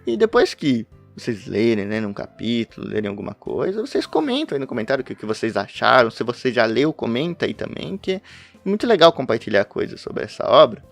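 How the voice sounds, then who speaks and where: A man's voice: mid-range voice, big pitch swings, a little fast, vocal fry, soft background music. A man chatting casually to his webcam about a favorite manga, rambling and laughing between thoughts. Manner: rambling, self-interrupting, laughs often. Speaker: podcast host reviewing manga. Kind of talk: casual talk to camera. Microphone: webcam setup at home.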